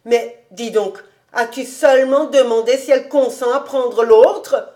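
A woman reading aloud, voicing an excitable old male rabbi with loud, high, emphatic exclamations. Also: natural voice. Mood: excited, coaxing. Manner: emphatic, slow, coaxing.

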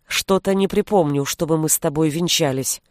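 A woman's voice: deep voice, normal speed, no room sound, voice pushed down, lightly acted. A woman reading an audiobook and voicing a guarded young witch with dry, wry replies. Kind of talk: audiobook character voice.

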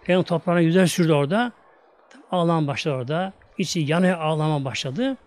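High-voiced older man telling a sermon story. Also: no echo. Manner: emotional, slow storytelling with drawn-out pauses. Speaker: preacher. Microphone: audio recording of a talk.

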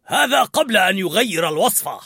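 Man doing an impatient gruff chef. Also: sits high, sing-song, brisk, no echo, clean studio sound, voice pushed up, exaggerated voice. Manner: impatient, loud.

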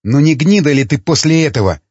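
A man voicing a bitter, impassioned young rebel with a husky voice. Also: a little high, very animated, normal speed, dry recording, pitched above the performer's own voice. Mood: furious. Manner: impassioned, accusing. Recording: dull lo-fi recording.

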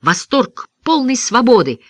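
Expressive man reading an audiobook. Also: extremely high pitch, measured pace, no echo. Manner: expressive first-person reading. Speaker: audiobook narrator. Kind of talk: scripted storybook narration.

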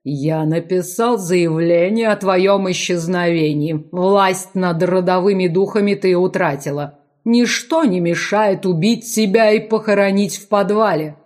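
A woman voicing a cruel, menacing middle-aged nobleman who mocks and threatens slowly. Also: on the low side, darkish tone, lightly acted. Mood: mocking. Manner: slow, mocking, growled commands.

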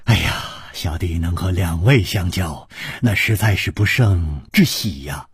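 A man's voice: deep voice, a little slow, breathy edge, dry recording, clean studio sound, voice pushed down, full character voice. A man playing a sighing, courteous young lord. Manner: polite, sighing, effusive. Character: courteous, gentle young male nobleman. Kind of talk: radio storytelling.

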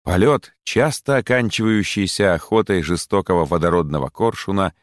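A man with a low voice reads a children's adventure story aloud. His narration is measured and expressive. The recording is close and dry. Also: dry recording. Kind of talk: audiobook narration.

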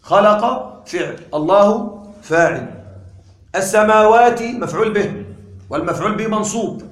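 A man with a high-pitched voice lectures a class on grammar, checking in with his students again and again and hammering each point home. The room adds a clear echo around him. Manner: quizzes the class with frequent questions; repeats key points deliberately. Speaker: grammar teacher.

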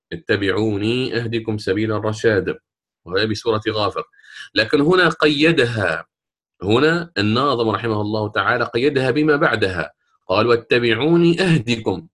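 Measured man teaching Quran recitation. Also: mid-range voice, fairly bright tone. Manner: unhurried, repeats points, slows to recite verses; many hesitation fillers. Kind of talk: explaining a verse text on recitation.

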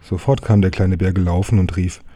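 A man calmly reading a children's book aloud, chapter by chapter. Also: sits low, a little fast. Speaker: storyteller.

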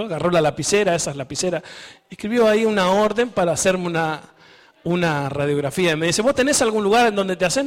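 High-voiced Argentine preacher in a hall. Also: male voice. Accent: Argentine Spanish. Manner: storytelling, laughing at himself, quoting others in raised voice. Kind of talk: sermon testimony.

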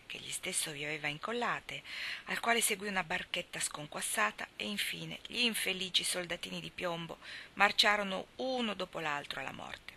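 A woman reading a novel aloud as a storyteller, softly, at times dropping to a whisper. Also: lowish voice, a little hiss or hum. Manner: soft, sometimes dropping to a whisper. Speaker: reader. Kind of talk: scripted narration.

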